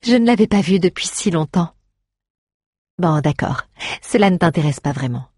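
A woman's voice: lowish voice, animated, moderate pace, a little mellow, husky, dry recording, clean studio sound. A woman voicing a caring, stubborn young traveling actress, who speaks to a grieving friend in a coaxing, tender way. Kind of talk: audio drama acting.

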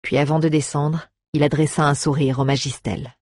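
An audiobook narrator reading a fantasy story in an even, measured way. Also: medium pitch, no room sound, studio quality. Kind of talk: scripted narration.

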